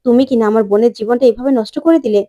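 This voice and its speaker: A woman voicing an angry young husband who confronts his wife forcefully. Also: a little high, fairly even intonation, very fast, muffled recording, natural voice. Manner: forceful, indignant.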